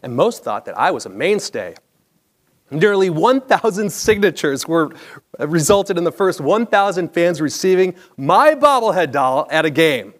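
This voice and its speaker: Wearing a clip-on lapel mic, a middle-aged American from the Chicago area reads his scripted personal story to a live theatre audience with practised broadcaster polish. He speaks a little slowly in a slightly high, very animated voice.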